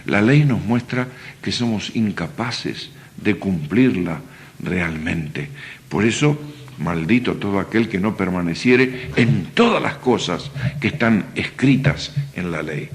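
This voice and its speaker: A man's voice: low voice, lively intonation, takes it slowly. An older man with a Rioplatense Spanish accent, preaching a sermon in a conversational style with rhetorical questions to the congregation. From Argentina.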